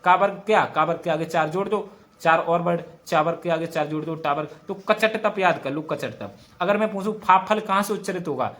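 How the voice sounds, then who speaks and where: A high-pitched young man with a western Uttar Pradesh Hindi accent runs an exam-prep grammar lesson. He drills his mnemonics aloud and comes back to the same points again and again. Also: moderate pace, fairly bright tone. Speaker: teacher.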